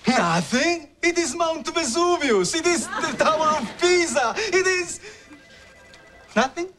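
A vain, dramatic Italian assistant. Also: male voice, sits high, big pitch swings, moderate pace, over music. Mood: melodramatic. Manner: melodramatic, self-adoring, theatrical outbursts. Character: vain excitable Italian male office assistant Stefano. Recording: noisy 1990s TV sitcom soundtrack.

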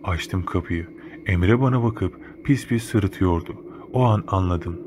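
A low-voiced man slowly narrates a first-person horror story in a casual, slangy, matter-of-fact way, with noticeable background noise.

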